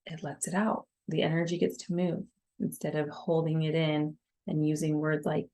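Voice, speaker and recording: A woman's voice: fairly low pitch, mellow. A young woman giving a casual breathwork lesson, talking conversationally with frequent fillers and checking in with listeners. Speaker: breathwork teacher. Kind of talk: casual teaching talk.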